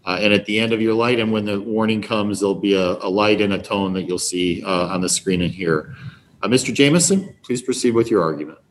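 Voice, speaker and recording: A man's voice: lowish voice, brisk, slight background noise. A man presiding as a judge, giving polite, plain-spoken procedural instructions. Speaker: chief justice presiding.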